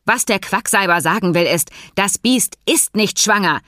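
A woman reading an audiobook, voicing a loud, choleric, heavyset male horse owner who blusters and growls. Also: mid-range voice, moderate pace, dry recording, clean studio sound, pitched above the performer's own voice. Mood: furious. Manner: explosive shouting, then dangerously calm.

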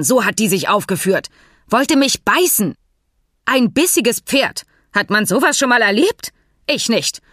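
A woman reading an audiobook, voicing a loud, choleric, heavyset male horse owner who blusters and growls. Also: on the low side, no room sound, studio quality. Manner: explosive shouting, then dangerously calm.

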